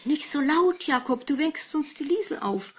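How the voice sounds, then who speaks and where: A woman's voice: a little high, moderate pace, lightly acted. A woman reading aloud and voicing a worried, fussing middle-aged mother with an anxious, fretful manner. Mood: hushed pleading.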